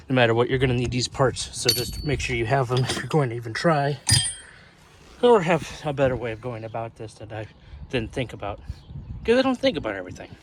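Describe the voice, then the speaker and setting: A channel host with a mid-range voice gives casual, rambling how-to commentary on his own repair job, adding loose, self-deprecating asides. He sounds out of breath, and there is background noise.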